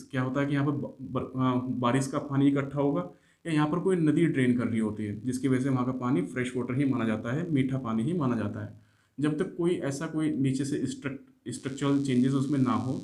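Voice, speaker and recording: A man gives a geography lesson in a mellow, warm voice. He explains things step by step, often poses a question to his students and answers it himself, and mixes English terms into his lecture. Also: medium pitch. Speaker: geography teacher.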